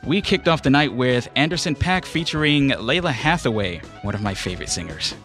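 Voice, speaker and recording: Male radio host, natural unscripted delivery, informal and loose, crisp bright edge, faint music bed underneath. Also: medium pitch, lively intonation, brisk. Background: background music.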